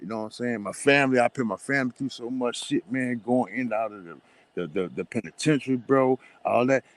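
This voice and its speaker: A man talking as a guest in a casual conversation, animated and full of filler phrases, stumbling and stuttering at times. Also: medium pitch, dry recording.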